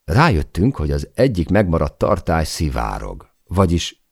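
Very deep gravelly male audiobook narrator. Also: wildly swooping pitch, dry recording, clean studio sound. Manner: dramatic reading, shouting out the quoted cries.

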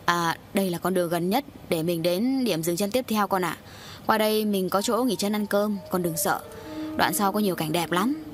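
A woman voicing a middle-aged father hiding his guilt, who keeps reassuring the children in a calm, soothing way. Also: medium pitch, moderate pace, faint music behind, close to an everyday voice. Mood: falsely reassuring.

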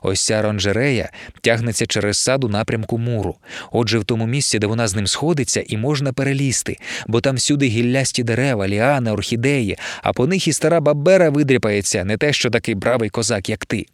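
A man's voice: mid-range voice, quick pace, dry recording, clean studio sound, close to an everyday voice. A man voicing a feisty, scolding female dwarf in an audiobook. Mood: bossy. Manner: shrieking, scolding.

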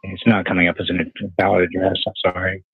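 A man's voice: sits low, completely flat delivery, fast, husky, dry recording. A man working as a phone operator, polite and businesslike, spelling back letters. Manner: polite customer-service tone. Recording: tinny phone line.

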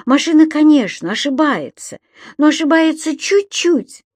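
A woman voicing a cheeky magical creature who explains things in a lively, knowing way. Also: high-pitched, measured pace, no room sound, voice pushed up. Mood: playful.

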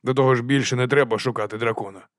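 A man voicing a gloomy, curt middle-aged watch captain in an audiobook, speaking slowly. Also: medium pitch, fairly even intonation, no room sound, clean studio sound, natural voice. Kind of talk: audiobook character voice.

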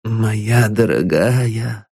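A man's voice: mid-range voice, very animated, drawn-out words, gravelly, slightly rough, dry recording, clean studio sound, voice pushed up, exaggerated voice. A man doing a paranoid old father. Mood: weak. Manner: ranting then weak and faltering. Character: elderly frightened rich father, paranoid and guilt-ridden. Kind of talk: audiobook reading.

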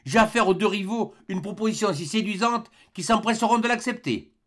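A man's voice: high-pitched, fairly quick, pitched above the performer's own voice. A man voicing eager adventurer Ardan. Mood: persuasive. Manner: lively, persuasive, exclamatory. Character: enthusiastic male adventurer Ardan.

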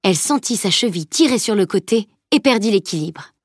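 A woman narrating an audiobook in a steady, even storytelling manner. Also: medium pitch, fairly quick, breathy edge, no echo, studio quality. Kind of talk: scripted narration.

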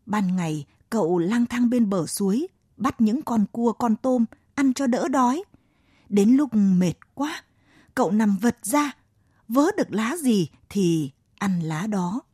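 A woman narrating a children's story in a gentle, dramatic way. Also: medium pitch, slightly rough, no room sound. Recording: dry close mic, faint music behind.

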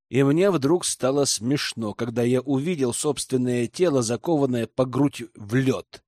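Lively, expressive male audiobook narrator. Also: medium pitch, no room sound, clean studio sound. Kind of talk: first-person audiobook narration.

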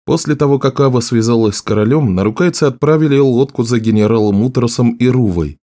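A man narrating a fantasy audiobook in a steady, even reading. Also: medium pitch, a little fast. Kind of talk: scripted narration.

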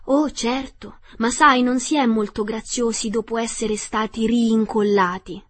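A woman voicing a timid, fragile young porcelain princess with a high, frightened voice. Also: steady tone, a little slow, husky. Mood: anxious. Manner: frightened, pleading, then prim.

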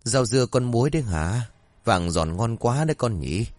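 A man's voice: medium pitch, lively intonation, normal speed, a little mellow, no room sound, close to an everyday voice. Old village mother, as a male narrator puts her on. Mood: homely. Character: elderly village mother, homely and contented.

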